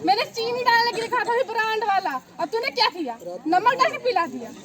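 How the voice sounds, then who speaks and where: A woman's voice: very high-pitched, expressive, brisk, heavy background noise. A girl acting in a school stage play as a vain, scolding mother-in-law, bossy and scornful. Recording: loud crowd, outdoor stage.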